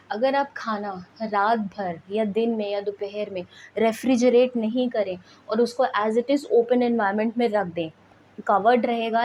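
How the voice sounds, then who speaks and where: A woman's voice: a little high, a little mellow, slight background noise, rough recording. A woman science teacher giving a lecture, who asks questions and then answers them herself, slipping into English phrases. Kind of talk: classroom lecture.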